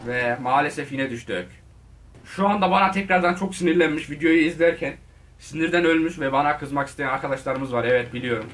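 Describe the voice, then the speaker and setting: A man giving casual, excitable commentary on his gameplay, talking straight to his viewers and shouting at the game. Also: a little high, a little fast, far from the mic. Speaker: gaming video host.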